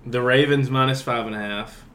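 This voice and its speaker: A man's voice: medium pitch, steady tone, brisk, a bit bright. A man co-hosting a casual football podcast, laid-back and matter-of-fact. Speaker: podcast co-host. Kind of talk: casual chat about football picks. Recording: roomy with clear background noise.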